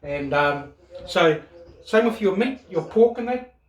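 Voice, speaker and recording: A man in middle age speaks with a Maori New Zealand accent in a fairly high register. He rambles easily through a home cooking demonstration in loose, colloquial phrases. The room rings noticeably around his voice, as if recorded on a phone across the counter. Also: lively intonation, measured pace. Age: middle-aged. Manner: laid-back, rambling, colloquial. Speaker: home cook presenting a cooking video. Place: home kitchen, indoors. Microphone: phone camera across the counter. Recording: echoey kitchen, camera at a distance.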